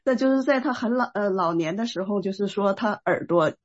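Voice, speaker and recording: A woman telling a personal faith testimony in a casual, animated way, with many fillers. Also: medium pitch, brisk. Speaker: guest sharing a testimony. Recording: dull lo-fi sound.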